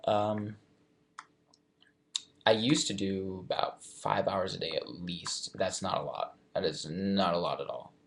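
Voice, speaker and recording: A man's voice: sits low, unhurried, creaky, a little hiss or hum. A young man in his twenties answering fan questions in a casual live chat, reading each question aloud and then thinking it through.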